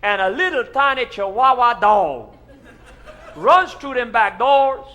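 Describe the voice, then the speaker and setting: A man's voice: extremely high pitch, expressive, pitched above the performer's own voice, heavily acted. A man with a Cajun accent voicing an earnest pastor who tells an absurd tall tale in comic storytelling, drawn out and emphatic. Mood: excited, incredulous. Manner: loud, drawn-out, emphatic preaching delivery.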